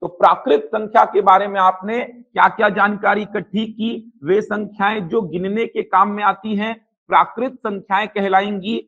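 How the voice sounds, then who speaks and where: A man's voice: high voice, steady tone, normal speed, a bit bright. A man teaching a live math coaching class to a classroom and online viewers. He asks the students questions, answers them himself, and repeats the key points. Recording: slightly dull lo-fi classroom audio.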